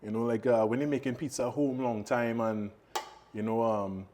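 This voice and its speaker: Male co-host, Trinidadian accent, soft-edged mellow voice, casual and instructive cooking talk, light background clatter. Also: mid-range voice, steady tone, moderate pace. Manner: easygoing, instructive. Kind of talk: casual cooking demonstration chat. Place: home kitchen, indoors. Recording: background noise with kitchen clatter.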